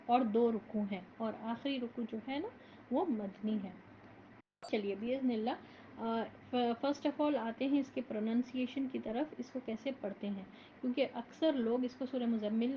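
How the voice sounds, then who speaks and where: Measured woman teaching a Quran lesson. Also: fairly high pitch, slight background noise. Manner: measured, explanatory, mixes in English words. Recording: dull lo-fi recording.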